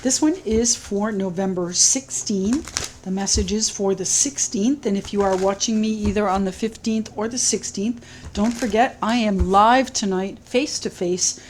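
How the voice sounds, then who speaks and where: A woman giving a solo tarot reading to camera, musing gently and repeating her phrases, a little choked up. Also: mid-range voice, slight background noise, poor audio. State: slightly choked up, clearing throat. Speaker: tarot reader.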